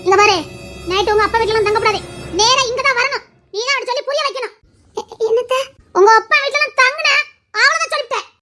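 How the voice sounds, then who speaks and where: A woman playing a sharp-tongued village mother-in-law who scolds and demands in a family drama skit. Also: extremely high pitch, flat delivery, very fast, soft background music. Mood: scolding.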